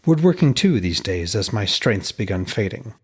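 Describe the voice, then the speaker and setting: A man's voice: on the low side, very animated, moderate pace, husky, exaggerated voice. A man voicing a hearty, deferential and inquisitive smith in a dramatised reading of a myth tale. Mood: friendly, apologetic. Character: hearty, respectful, eager male smith, a family man.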